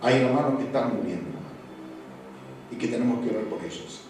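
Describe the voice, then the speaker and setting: A man with an Argentine accent preaching a sermon as pastor, going from hushed passages to loud exclamations. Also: medium pitch, expressive, a little fast. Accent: Argentine Spanish. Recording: echoey hall from far off, faint noise.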